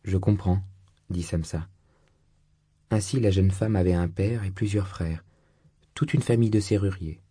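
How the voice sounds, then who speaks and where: A man narrating a literary story in an audiobook, in a measured, even delivery. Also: sits low, breathy edge, no echo, clean studio sound.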